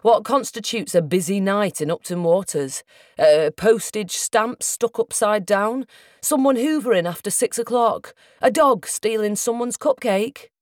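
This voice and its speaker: Brief: brusque female inspector, sharp and sarcastic, lowish voice, read by a woman narrator. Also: animated, moderate pace, no echo, studio quality, close to an everyday voice. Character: stern, impatient female police inspector.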